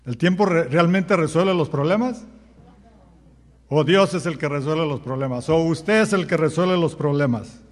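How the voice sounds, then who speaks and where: On the high side and in no hurry, a man preaches from the pulpit in a big, roomy-sounding space. He challenges the congregation with rhetorical questions and acts out common sayings in quoted voices.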